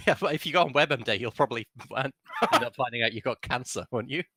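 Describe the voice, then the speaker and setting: A man's voice: medium pitch, expressive, normal speed, bright, forceful tone, husky, dry recording. A man with a London accent co-hosting a fan podcast in casual, teasing chat, laughing often. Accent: London English. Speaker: podcast co-host.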